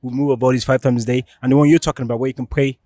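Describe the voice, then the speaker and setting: Fast-talking male street interviewer. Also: medium pitch, level tone, dark tone, no echo, studio quality. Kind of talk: casual interview.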